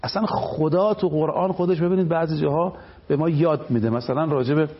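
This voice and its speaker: A man's voice: fairly high pitch, husky, dull audio. A man speaking as a cleric on a television program, delivering an emphatic religious lecture. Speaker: cleric guest.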